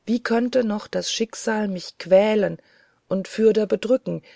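An audiobook narrator reading a gothic first-person tale in a slow, solemn, dramatic way. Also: mid-range voice, vocal fry, dark tone, no room sound, studio quality.

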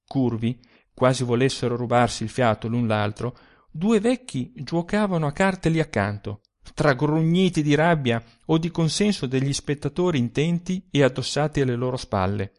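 A man narrating a literary story in a slow, expressive storytelling manner. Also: mid-range voice.

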